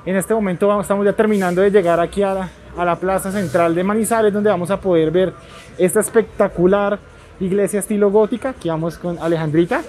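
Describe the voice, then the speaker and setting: Masked and fast-talking, this young man vlogs his trip from Colombia, eagerly touring a restaurant and the streets while filling gaps with stock phrases. His high voice is steady and a little mellow, set against surrounding crowd noise.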